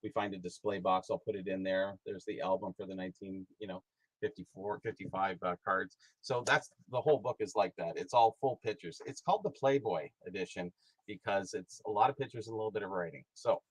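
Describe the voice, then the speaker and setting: A man's voice: deep voice, a little fast, breathy edge, no echo, poor audio. A middle-aged man talking casually as a guest, rambling with many fillers and restarts. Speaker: guest, hobby historian and price guide author. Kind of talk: casual conversation.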